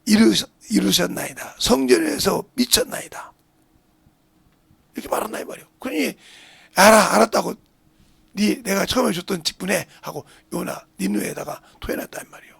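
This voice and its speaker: A middle-aged male pastor preaching a sermon, dropping to whispered prayers and rising to shouts. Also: sits high, animated, normal speed, vocal fry, breathy edge, dry recording. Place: church sanctuary.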